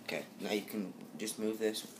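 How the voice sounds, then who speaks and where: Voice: mid-range voice, steady tone, normal speed. Young grandchild explaining over household noise. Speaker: grandchild showing a toy. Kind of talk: casual explaining. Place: home kitchen. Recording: noisy home, clicks.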